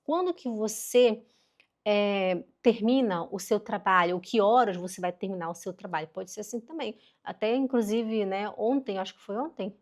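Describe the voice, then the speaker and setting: Chatty woman teaching a language lesson. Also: medium pitch. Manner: chatty and animated, slowing down to model pronunciation. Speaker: German teacher. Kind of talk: casual online language lesson.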